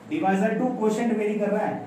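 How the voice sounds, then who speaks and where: A man's voice: sits high, fast talker, mellow. A man teaching a maths lesson in Hindi with English terms and an Indian accent, explaining step by step, repeating phrases and quizzing his students. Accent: Indian English mixed into Hindi. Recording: very echoey room, mic far off, faint background noise.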